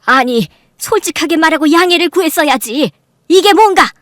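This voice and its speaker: A woman's voice: high-pitched, moderate pace, no echo, studio quality, lightly acted. A woman playing a stern mother who scolds and commands her grown children in a radio drama. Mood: scolding.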